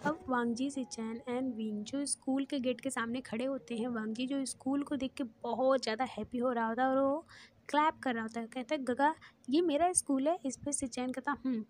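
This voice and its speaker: A woman narrating a fan fiction story in a steady, plain retelling manner. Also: high voice, a little fast, a little hiss or hum. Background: soft background music.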